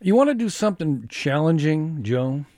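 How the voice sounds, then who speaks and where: A man hosting a talk radio show, his voice a bit high for a man and swinging all over the place in pitch. He jokes around and laughs often, and the studio sound is dry and close. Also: normal speed, no echo. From Washington State. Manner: lively, jokey, laughs often. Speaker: radio host. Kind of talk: casual radio chat.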